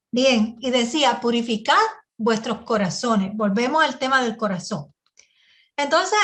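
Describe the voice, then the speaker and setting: Mujer predicadora de voz aguda y brillante. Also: female voice, high-pitched, fairly bright tone. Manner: teaching with frequent rhetorical "¿verdad?" and restarts. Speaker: Bible teacher. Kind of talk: Bible study sermon.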